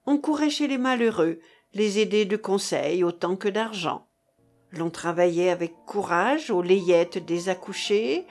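A woman narrating a classic novel in a measured, even storytelling manner. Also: medium pitch. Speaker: audiobook reader.

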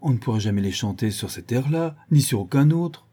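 A teasing young granddaughter, as a male reader puts her on, her voice lifted well above his own. The tone stays mellow underneath and a little husky. She chatters quickly and playfully in a storybook reading. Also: medium pitch, lively intonation, pitched above the performer's own voice.

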